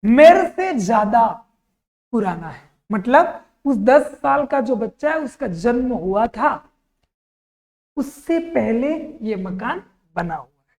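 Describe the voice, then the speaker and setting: High-voiced male tutor, echoing hall. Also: big pitch swings, takes it slowly, a little mellow. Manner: quizzes the class with repeated questions and answers. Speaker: teacher. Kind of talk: exam-prep grammar lesson. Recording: long reverb in a hall.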